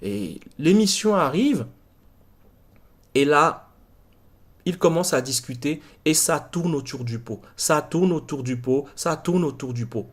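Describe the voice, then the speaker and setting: A man hosting his own channel, telling a story in a casual monologue, animated and repeating himself with frequent restarts. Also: a little high, measured pace. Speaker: channel host.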